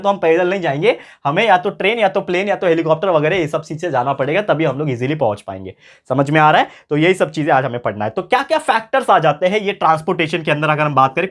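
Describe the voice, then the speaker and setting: A male tutor from India giving a classroom lecture, repeating key phrases slowly and asking his students questions. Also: fairly high pitch, a bit bright. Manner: mixes English phrases into speech.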